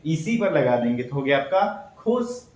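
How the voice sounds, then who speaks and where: In an echoey room, heard from a distance, a man gives a step-by-step shorthand tutorial, patiently posing questions and answering them himself. His voice is a little high and darkish, unhurried, with big swings in pitch.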